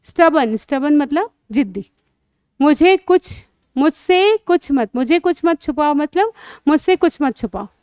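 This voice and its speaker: Woman, English teacher for kids; high, dry recording, drills phrases slowly and patiently. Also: lively intonation, darkish tone, dry recording. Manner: patient, repeats phrases slowly, quizzes with questions. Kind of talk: teaching lesson to children.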